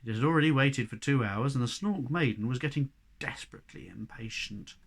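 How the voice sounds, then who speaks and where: A man, a primary school teacher, reading a children's storybook aloud in an expressive way. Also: medium pitch, fairly quick, husky.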